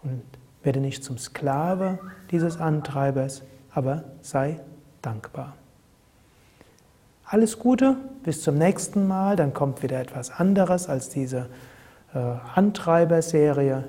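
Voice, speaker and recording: Man, higher pitch, breathy tone, calm repetitive advice. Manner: calm, measured, repeats key phrases. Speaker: host giving self-help tips. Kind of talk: spoken advice talk.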